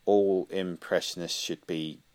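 Deep-voiced teasing podcast co-host. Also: male voice, steady tone, a little slow, darkish tone, no room sound. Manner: dry teasing wit. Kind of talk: casual comedic chat.

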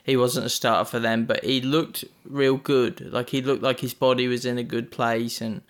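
A man's voice: mid-range voice, little pitch movement, normal speed, clear, resonant tone. A man co-hosting a casual sports podcast, laid-back and joking, with the odd swear word. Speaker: podcast co-host.

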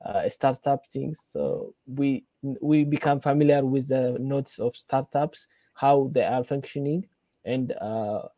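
A young man from Ethiopia, a guest in an interview, telling his story hesitantly with many pauses. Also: mid-range voice, fairly even intonation, warm tone, dry recording. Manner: hesitant, many fillers and restarts. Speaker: fellowship guest, computer engineering lecturer. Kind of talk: casual interview talk.

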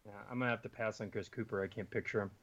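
A man's voice: lowish voice, steady tone, rapid-fire, a bit bright, slightly rough, highs cut off. Hesitant man thinking aloud. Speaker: game player. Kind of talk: casual chat.

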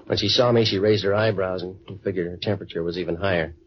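An actor playing a wisecracking American private eye in a 1940s radio noir, deadpan and clipped. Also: male voice, deep voice, quick pace, a little hiss or hum, close to an everyday voice. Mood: wry. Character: hard-boiled wisecracking male waterfront private eye. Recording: dry, muffled 1940s radio recording.

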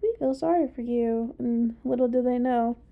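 A woman's voice: a little high, normal speed, creaky. A woman co-hosting a podcast, chatting casually and reacting, on a slightly lo-fi microphone. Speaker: podcast co-host.

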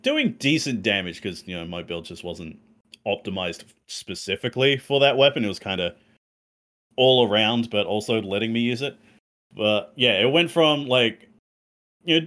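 A man's voice: lowish voice, a bit bright. A man, co-hosting a casual gaming podcast, talking in a laid-back, rambling way full of fillers. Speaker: podcast co-host.

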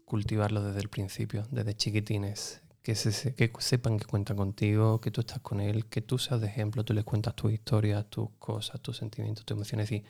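Guy from telling his story, earnest and lively, mellow warm voice. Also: lowish voice, normal speed, creaky, hardly any pauses. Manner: earnest, lively, acts out dialogue. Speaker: interview guest. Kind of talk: animated personal storytelling.

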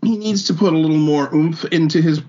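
A co-host on a sports podcast reels off stats in casual chat, filling his speech with plenty of ums and uhs. His voice sits on the high side, warm and brisk. The audio sounds dull.

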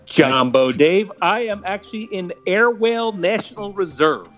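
A man's voice: high-pitched, animated, normal speed, a bit bright, faint music behind. A man co-hosting from afar, heard over a remote radio-like line, bantering playfully. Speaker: co-host calling in remotely. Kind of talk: casual podcast banter. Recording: muffled, distant remote line.

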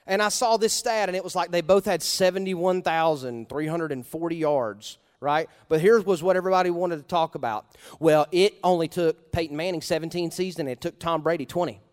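A male pastor preaching a sermon in a conversational style, asking the congregation questions and punching key words with sudden loud emphasis. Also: a little high, fairly quick, hardly any pauses, big-room sound.

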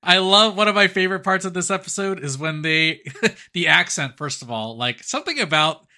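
A man's voice: sits high, animated, brisk, pushed and bright. A man co-hosting a podcast, easygoing and agreeable in casual chat. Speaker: podcast co-host.

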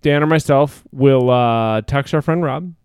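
A man co-hosting a podcast in casual chat, playful and quick to laugh, a little out of breath. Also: mid-range voice, a little mellow, smooth, dry recording, studio quality. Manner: playful, laughs often, hums tunes. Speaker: podcast co-host.

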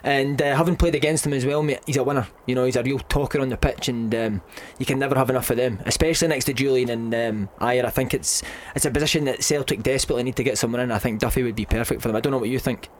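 A man's voice: mid-range voice, fairly even intonation, rapid-fire, hardly any pauses, slight background noise. A Scottish man talking football as a radio pundit, chatty and keeps calling the caller "mate". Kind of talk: casual phone-in chat.

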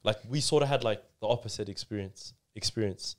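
A man's voice: on the low side, a little fast. A man from Somalia hosting a podcast, talking in a chatty, loose way full of fillers. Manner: chatty, loose, lots of "like" and "you know". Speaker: podcast host. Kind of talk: casual chat.

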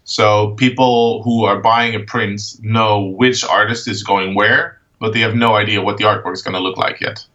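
A Dutch man in his thirties, a guest in a casual interview, who talks in a halting way with many fillers and restarts. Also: lowish voice, fairly even intonation, sharp tone, recorded from a distance, muffled recording. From Netherlands. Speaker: guest, art project founder.

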